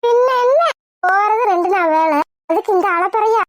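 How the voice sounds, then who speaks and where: A woman's voice: very high-pitched, normal speed, dry recording. A woman voicing a cheeky comic woman in a cartoon, teasing and sarcastic.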